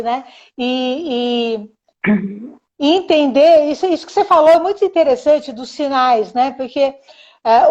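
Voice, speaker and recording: A woman hosts a live-streamed interview in a high, unhurried voice, feeling her way through long questions. The sound is muffled, lo-fi stream audio. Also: a little mellow. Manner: slow, searching questions with many fillers. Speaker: host.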